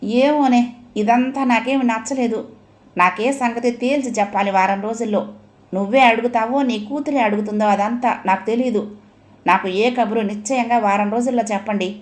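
A woman's voice: on the high side, steady tone, moderate pace, close to an everyday voice. Brief: woman doing an irritable, sarcastic middle-aged father for an audio story. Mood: scolding. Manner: sarcastic, scolding.

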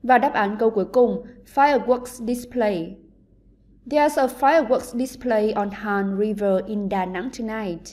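A woman with a Vietnamese accent, teaching an online English lesson to pupils and explaining slowly and carefully. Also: mid-range voice, a little mellow.

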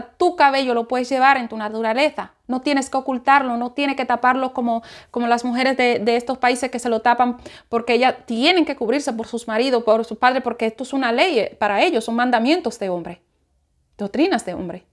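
A woman's voice: sits high, a bit bright. A woman giving spoken Bible teaching, repeating her points emphatically with many restarts. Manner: repetitive, emphatic preaching with restarts.

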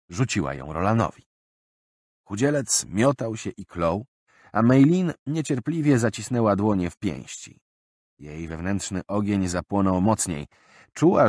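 A man reading an audiobook aloud in an expressive, varied manner. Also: fairly low pitch, slightly rough, no echo, studio quality. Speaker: audiobook narrator. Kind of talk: scripted narration.

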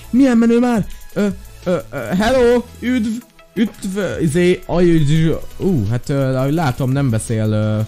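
A man hosting a gaming channel, giving excitable commentary, talking to his viewers and squealing with delight. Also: on the high side. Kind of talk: let's play commentary.

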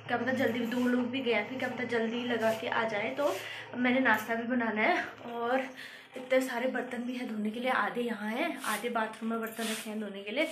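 A woman's voice: fairly high pitch, reverberant. Chatty woman vlogging household chores. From Uttarakhand, India. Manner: chatty, narrates household chores as she works. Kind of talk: casual vlog narration. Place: home kitchen. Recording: noisy home recording.

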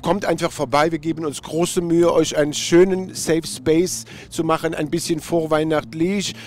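A man's voice: a little high, level tone, moderate pace. A man, a drag performer, chatting casually as an interview guest into a handheld microphone. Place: small backstage booth.

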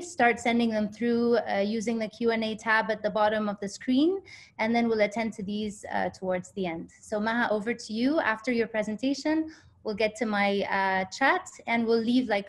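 A young woman hosting a webinar over a video call, introducing the guest in an upbeat way with frequent fillers. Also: a little high. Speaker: webinar host. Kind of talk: host introduction.

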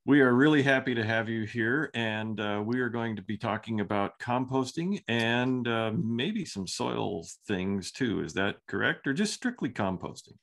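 A man hosting a live webinar over a video call, casual and halting, with lots of ums and uhs. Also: medium pitch, lively intonation, vocal fry, fairly bright tone.

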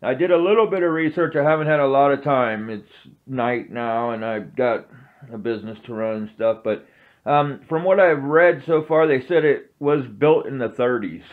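A man hosting a metal detecting vlog, rambling casually to viewers with many pauses and ums. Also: mid-range voice, narrow, tinny audio. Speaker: metal detecting channel host. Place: outdoors on a grassy course, then an indoor home office.

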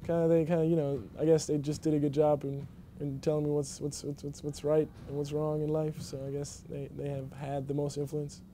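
A man's voice: fairly high pitch, flat delivery, brisk, hardly any pauses, mellow, a little hiss or hum. A young man from Germany, a college basketball player, answering interview questions casually with many fillers and restarts. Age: young adult. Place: empty indoor basketball arena.

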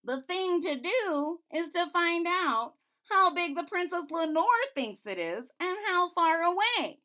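Woman playing a storybook court jester, high lifted voice, coaxing, earnest, animated. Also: unhurried, heavily acted. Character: clever gentle male court jester.

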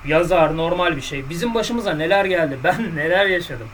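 A man's voice: fairly high pitch, expressive, moderate pace, recorded from a distance, a crowd in the background, low-quality recording. A man coaching on dating in a casual podcast monologue, blunt and colloquial, lecturing his listeners directly.

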